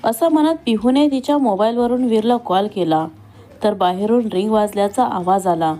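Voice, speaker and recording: A woman reading a family love story aloud, voicing each character in her own voice with dialogue pitched a little higher. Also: moderate pace, warm tone. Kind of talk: scripted story narration.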